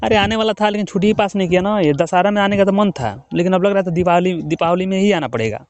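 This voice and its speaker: On a casual phone call, a young Indian husband who works away from home teases and coaxes his wife. He talks fast in a voice that sits high.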